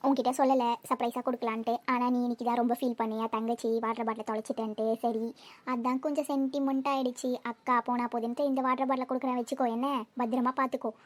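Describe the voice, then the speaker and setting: A woman's voice: a little high, little pitch movement, quick pace, voice pushed down, natural voice. A woman voicing a bossy but caring older sister girl who scolds and teases in a cartoon. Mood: teasing scold. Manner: scolding, teasing.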